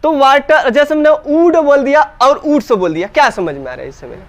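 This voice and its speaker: A man's voice: very high voice, animated, brisk, a bit bright. A man from India teaching an English grammar class in Hindi, asking his students questions, answering them himself and repeating his points.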